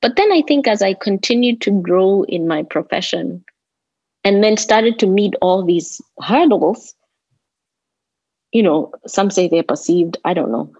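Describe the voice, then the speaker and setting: In a roomy, slightly dull lo-fi recording, a landscape designer from Kenya, raised in Nairobi, reflects aloud as an interview guest, thoughtfully repeating herself for emphasis. Her Kenyan-accented voice is mid-range and expressive, unhurried, with a darkish tone and a breathy edge.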